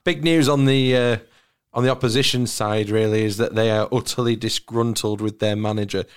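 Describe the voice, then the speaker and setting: A man's voice: on the low side, steady tone, moderate pace, clean tone. A man in his thirties hosting a football podcast, putting questions and discussing the game. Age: 30s. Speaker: podcast host.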